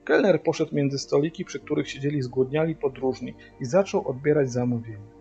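A man reading a children's book aloud as a father, with steady, even storytelling. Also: medium pitch, fairly quick. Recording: dull lo-fi audio via hearing aid, faint music.

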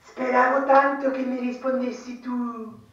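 An actress playing a flirtatious caller in a live stage comedy, with a cooing, flirty manner. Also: female voice, high-pitched, little pitch movement, a little slow. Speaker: stage actor. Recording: dull, echoey hall from far off.

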